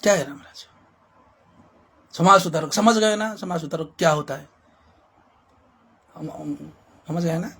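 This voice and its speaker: A man speaks as a social reformer, driving his points home with repetition and rhetorical questions. His voice is husky and sits a little high for a man. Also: a little slow, long pauses, fairly bright tone. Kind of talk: impassioned spoken commentary.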